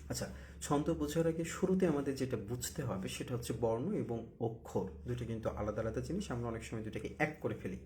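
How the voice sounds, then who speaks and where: A man's voice: medium pitch, darkish tone, slight background noise. Patient man teaching recitation rhythm. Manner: patient, explains step by step, drawn-out syllable counting. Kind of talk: spoken tutorial lesson.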